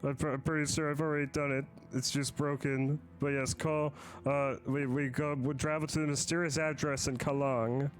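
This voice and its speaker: A man streaming a game in casual chat, easygoing, halting and apologetic. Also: a little high, flat delivery, faint music behind.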